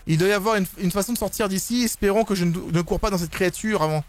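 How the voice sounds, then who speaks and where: A young man commenting on a horror game he is playing, excitable and slangy, yelping and screaming when scared. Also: high voice, fast talker. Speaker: gaming YouTuber. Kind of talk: let's play commentary. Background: game music.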